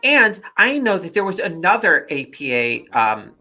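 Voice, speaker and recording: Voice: mid-range voice, big pitch swings, normal speed, pushed and bright, faint music behind. An adult co-host chatting casually, hesitantly prompting the other speaker with questions. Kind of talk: casual chat.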